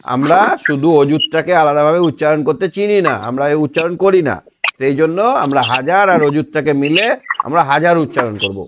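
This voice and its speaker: A man's voice: a little high, fairly quick, noisy background. Patient male math teacher. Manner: patient, asks and answers his own questions. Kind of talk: online math lesson. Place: online class on a video call.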